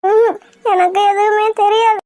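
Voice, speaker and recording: A woman's voice: extremely high pitch, level tone, moderate pace, darkish tone, no echo, clean studio sound. A woman voicing a frightened, injured young woman in a cartoon, pleading through tears. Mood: upset. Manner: pleading, tearful. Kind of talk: cartoon voice acting.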